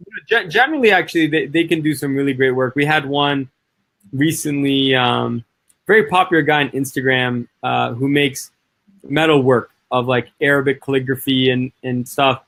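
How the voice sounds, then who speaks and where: A chatty man from the northeastern United States tells stories in a relaxed guest conversation. His voice sits in an ordinary middle pitch, and he talks quickly, peppering his speech with "like" and "you know.". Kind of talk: casual conversation.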